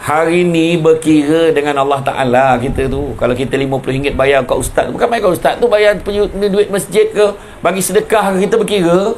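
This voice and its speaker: A man with a Malaysian Malay accent preaches at a community event in a relaxed, joking way, firing off rhetorical questions. His voice sits fairly high. Faint ambience hangs in the background. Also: slight background noise. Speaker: religious lecturer. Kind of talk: casual sermon to a live audience.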